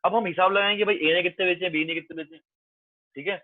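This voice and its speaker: This male commerce teacher has a high voice with fairly even intonation and speaks fast. Lecturing his class, he's coaxing and reassuring, calls students "beta," and repeats himself a lot. The recording is dry and tinny, like a phone.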